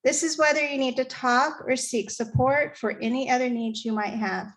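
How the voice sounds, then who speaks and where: A woman's voice: high voice, normal speed. A woman hosting a church service, giving friendly announcements and leading the congregation in prayer.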